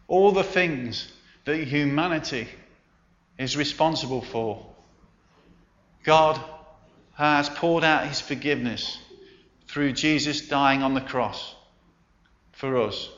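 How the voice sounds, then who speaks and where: A man preaching a sermon, telling a story with emphatic pauses and soft endings. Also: fairly high pitch. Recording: roomy, slightly dull sound.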